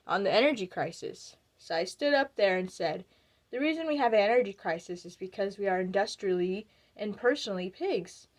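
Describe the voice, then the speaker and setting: A woman's voice: medium pitch, lightly acted. A woman playing a wry, outspoken ex-beauty queen. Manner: wry storytelling with acted quotes. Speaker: actor performing a monologue. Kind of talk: theatrical monologue.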